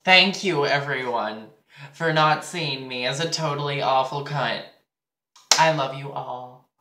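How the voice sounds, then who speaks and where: A man's voice: medium pitch, unhurried, background noise. A teenage boy vlogging casually while getting ready, candid and crude, with plenty of fillers. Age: teens. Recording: echoey room.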